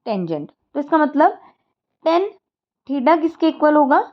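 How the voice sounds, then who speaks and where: A woman's voice: high voice, big pitch swings, measured pace, highs cut off. A woman maths teacher, explaining a lesson step by step and often checking that students follow.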